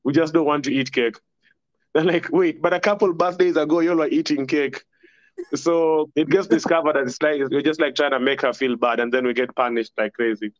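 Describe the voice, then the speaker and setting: A young Kenyan-accented man appears as a podcast guest, rambling casually through school stories in a chatty, storytelling way, laughing often and slipping into Swahili. His voice sits fairly high with a steady tone and a fairly quick pace. The audio is dull, with no room sound.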